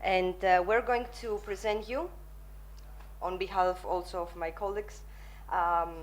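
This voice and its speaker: Halting woman presenting. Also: fairly low pitch, fairly even intonation. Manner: halting, hesitant phrasing. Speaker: psychologist presenting at a talk. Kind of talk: conference presentation.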